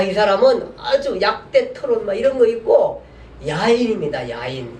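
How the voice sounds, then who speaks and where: A man's voice: high-pitched, darkish tone, a little hiss or hum. A male pastor teaching a Bible class in a chatty, colloquial way, often putting questions to his students. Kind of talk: casual Bible class lecture. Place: church classroom. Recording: echoey room, mic far off.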